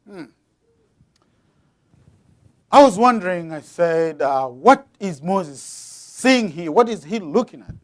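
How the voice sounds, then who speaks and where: Animated preacher from Zambia. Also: male voice, slow pace, pauses often. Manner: dramatic swings in loudness and pitch when reading aloud; explains patiently to the congregation. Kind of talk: sermon.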